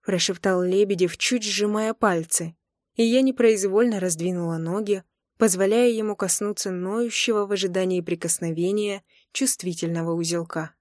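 A woman narrating a first-person romance audiobook with an intimate, expressive reading. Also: medium pitch, normal speed, dry recording, studio quality.

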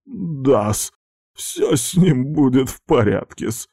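A man's voice: mid-range voice, lively intonation, warm tone, dry recording, clean studio sound, pitched above the performer's own voice. A man voicing a fussy, bespectacled male doctor who drags out his words and adds an old-fashioned polite -s to them. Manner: drawn-out polite speech with old-fashioned -s endings.

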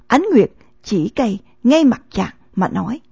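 A woman reading a novel aloud as an audiobook narrator, in measured storytelling narration, in a dull, lo-fi recording. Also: medium pitch, very animated, vocal fry, a little mellow, slightly rough, no echo.

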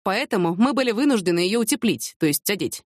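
A woman's voice: mid-range voice, animated, quick pace, a little mellow, no room sound, studio quality, natural voice. A woman voicing a defensive, awkward provincial police captain in an audiobook.

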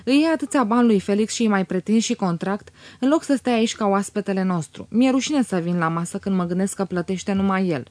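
A woman voicing a gentle young woman speaking with soft reproach in an audiobook reading. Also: medium pitch, hardly any pauses, dry recording, lightly acted. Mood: reproachful.

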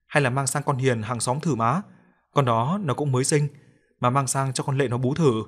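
A man voicing a gentle, worried young father in a spoken audio story. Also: medium pitch, steady tone, moderate pace, lightly acted.

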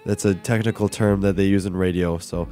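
A man's voice: low-pitched, fairly even intonation, brisk, warm tone. A young male radio co-host with a cold and a stuffy nose, joking and self-deprecating in casual chat.

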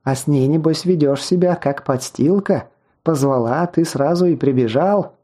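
A woman's voice: a bass voice, a little slow, warm tone. A man voicing a sly, mocking red-haired schoolgirl who taunts in a sneering way.

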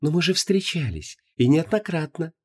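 A seductive goddess of love, as a male audiobook reader puts her on, raised in pitch and a little softer than his telling voice. She coaxes and condescends in honeyed tones, and her tone moves freely. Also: expressive, moderate pace, husky. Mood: coaxing.

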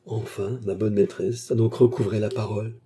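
A man reading aloud, voicing a sly young chambermaid who speaks in a sugary, falsely tearful way, with a husky voice. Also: on the low side, steady tone, moderate pace, warm tone, natural voice. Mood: feigned pity.

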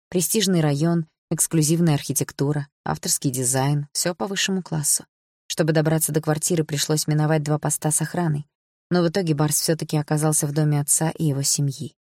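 Dry, measured audiobook narration. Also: mid-range voice, darkish tone, dry recording. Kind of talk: scripted narration.

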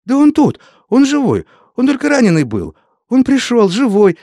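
A man voicing a shocked young village woman who shouts in breathless high bursts. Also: big pitch swings, a little slow, heavily acted. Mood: frantic. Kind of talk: audiobook character voice.

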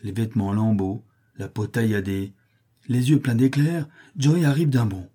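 A man's voice: mid-range voice, unhurried, mellow, breathy edge. A man reading an adventure novel aloud with vivid, emphatic delivery. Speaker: audiobook narrator.

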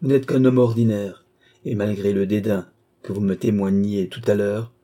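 A man's voice: fairly low pitch, steady tone, normal speed, dark tone, close to an everyday voice. A man reading as an outraged young nobleman. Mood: indignant. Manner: vehement, indignant pleading. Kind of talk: audiobook character voice.

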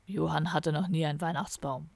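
A gruff, grumpy drinker mutters short, blunt lines in a low, quiet voice, as a woman reader puts him on. The audiobook sound is dry and close, with no room around it. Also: fairly even intonation, brisk, no echo. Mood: grumbling. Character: gruff grumpy young man, heavy drinker. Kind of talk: audiobook character voice.

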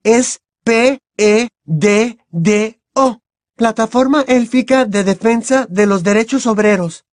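A man's voice: high voice, slow, dry recording, studio quality, voice pushed up. A man voicing an earnest, bossy teenage schoolgirl witch in an audiobook, insistent and precise. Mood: earnest, indignant. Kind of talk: audiobook character voice.

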